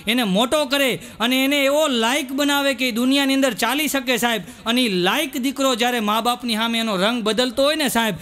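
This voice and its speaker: High-pitched man doing stand-up. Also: sharp tone. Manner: storytelling jokes, sings verses slowly. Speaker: stand-up comedian. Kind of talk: live Gujarati comedy show with jokes and sung verses. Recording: live stage recording with audience and noise.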